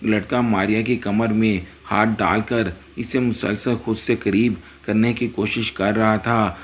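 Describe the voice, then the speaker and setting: A man narrating a dramatic story in a steady, scripted reading. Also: fairly low pitch, a little hiss or hum.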